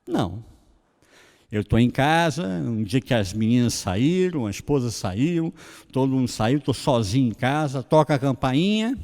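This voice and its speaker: A man's voice: mid-range voice, a little slow. A middle-aged Brazilian man with a Brazilian Portuguese accent, preaching a sermon and telling a personal story, acting out the dialogue in different voices. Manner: animated, acts out dialogue in voices. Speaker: pastor. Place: church hall. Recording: reverberant church hall.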